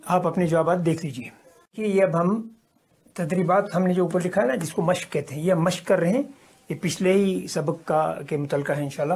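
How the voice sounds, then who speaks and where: A man from Kashmir teaching an Arabic lesson, reading example sentences slowly and explaining between them at a quicker pace. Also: high voice, darkish tone, slightly rough. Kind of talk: recorded language lesson.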